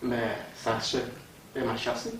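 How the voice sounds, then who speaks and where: An actor playing a gentle Burkinabé suitor who explains himself calmly. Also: male voice, mid-range voice, normal speed, gravelly, a little hiss or hum. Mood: troubled. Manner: calm, explaining himself earnestly. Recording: roomy and distant, music behind.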